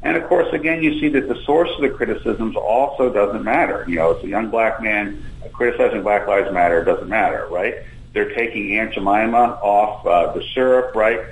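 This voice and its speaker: A man phones in on a speakerphone, and his voice comes back hollow and booming, as if he were talking from inside a cave. His voice sits somewhat low, and a faint hiss runs under the line. He argues steadily and keeps checking in with a quick "right?". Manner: argumentative, often ends points with "right?". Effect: hollow cave-like echo of a speakerphone line. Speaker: call-in guest commentator. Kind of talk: phone-in political commentary.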